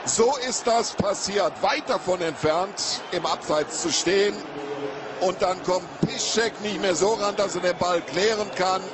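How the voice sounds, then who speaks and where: High-pitched male German football commentator, noisy stadium. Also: a little slow. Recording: loud stadium noise behind the voice. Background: loud football stadium ambience.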